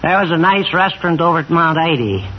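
Doc Withers, a man as high-voiced rambling country doctor. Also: lively intonation, a little fast, natural voice. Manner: rambling, distracted, throat-clearing, repeats himself. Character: absent-minded, rambling old-fashioned male country animal doctor. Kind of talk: 1940s radio comedy-drama acting. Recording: dull, noisy old radio recording.

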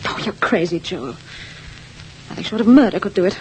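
An actress playing a grasping, two-faced niece, sugary yet spiteful, in a theatrical old radio drama style. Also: female voice, medium pitch, animated, brisk, slight background noise, lightly acted, poor audio. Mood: spiteful, indignant.

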